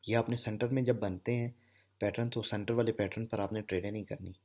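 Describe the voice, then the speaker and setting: Speaking fairly quickly with a lowish, darkish voice and fairly even intonation, a Pakistani man teaches candlestick patterns over a screen recording. As a trading instructor, he explains things step by step, checking in with "okay" and frequently repeating "theek hai."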